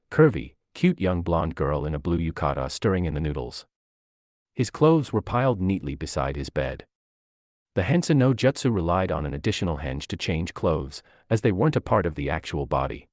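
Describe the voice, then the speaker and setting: A man narrating a fan fiction story aloud in an expressive, lively storytelling manner. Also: deep voice, no echo, clean studio sound.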